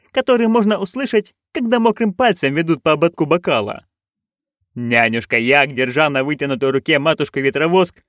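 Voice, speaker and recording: A man reading a fantasy story aloud with expressive storytelling. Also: on the high side, no room sound, clean studio sound. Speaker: audiobook reader. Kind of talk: scripted narration.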